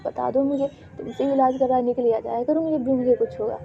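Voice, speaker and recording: A woman voicing a sad, lonely teenage girl who speaks softly and politely, in a storybook reading. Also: high-pitched, fairly even intonation, quick pace, gravelly, muffled recording, a little hiss or hum. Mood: teasing. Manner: soft, subdued.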